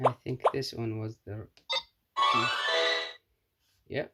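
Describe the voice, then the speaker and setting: Speaking slowly in a fairly low, steady voice over loud background music, a male reviewer runs through an unscripted product demonstration. He's casual and hesitant, thinking out loud as he goes, and clicks and obvious noise fill the recording.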